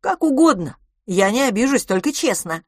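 A woman reading the part of a confident, boastful beauty salon owner in an audiobook, speaking briskly and emphatically. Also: on the high side, sing-song, dry recording, studio quality, voice pushed up.

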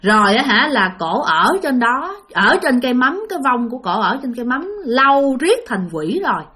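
A woman's voice: fairly high pitch, big pitch swings, moderate pace, bright, forceful tone. A woman with a Southern Vietnamese accent voicing a stern older male village exorcist who scolds and then reassures.

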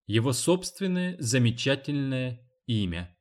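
Male reader voicing a sleepy young mother, terse, independent, calm, storybook. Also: mid-range voice, a little slow, close to an everyday voice. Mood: drowsy.

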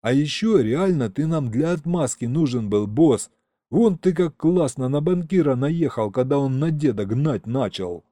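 Brief: eager slangy imp sidekick, bouncy pitch, mellow dry audiobook sound, read by a man. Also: expressive, a little slow, no echo. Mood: boastful. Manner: street slang, keeps calling him boss. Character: cheeky male imp henchman, slangy and eager.

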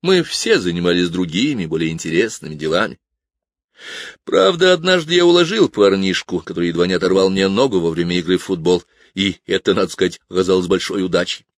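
A man reading a novel aloud in a measured, even storytelling manner. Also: low-pitched, no echo, studio quality. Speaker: audiobook narrator. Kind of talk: scripted narration.

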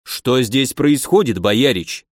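A man reading an audiobook, voicing a short, plump, shifty town guard commander who talks in a gruff commanding tone. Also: medium pitch, expressive, takes it slowly, dry recording, studio quality. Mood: commanding, sly.

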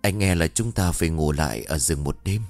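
A male narrator voicing a young village man in a ghost story, steady and reassuring. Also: fairly low pitch, a little fast, soft background music, lightly acted.

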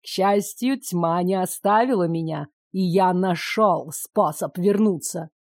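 Woman voicing a gloating dark sorcerer. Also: lowish voice, no room sound, studio quality. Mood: mocking. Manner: slow, gloating, mocking. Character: cruel power-hungry male dark sorcerer.

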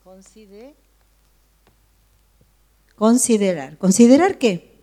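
A woman's voice: on the high side, very animated, very slow, mellow. A woman teaching a Bible study to a group, often asking her listeners questions. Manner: asks the listeners frequent questions.

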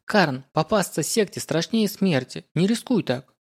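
A male narrator voicing a lively, curious young woman apprentice with a quick, chirpy, teasing manner in an audiobook. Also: high voice, voice pushed up, exaggerated voice.

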